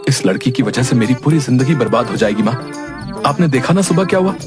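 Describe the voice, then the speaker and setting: A man's voice: mid-range voice, lively intonation, brisk, natural voice. Fed-up young husband in a cartoon, complaining, medium voice, played by a man, music behind. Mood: exasperated. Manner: frustrated, complaining. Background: background music.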